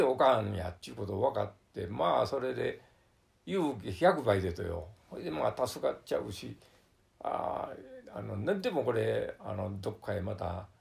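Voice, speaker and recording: Older man, Kansai accent, gravelly, lively pitch; survivor testimony told vividly with lots of fillers. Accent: Kansai Japanese, Wakayama dialect. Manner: vivid storytelling with sound words, many fillers. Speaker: flood survivor recounting his experience. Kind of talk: oral history testimony.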